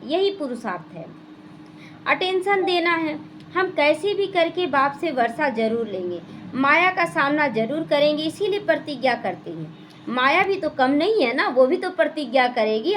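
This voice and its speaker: High-voiced woman teaching a spiritual class. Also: a bit bright, slight background noise. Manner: explanatory, asks the class questions and answers them. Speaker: Brahma Kumaris class teacher. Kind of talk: Hindi spiritual class explaining the day's murli. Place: small gita pathshala classroom.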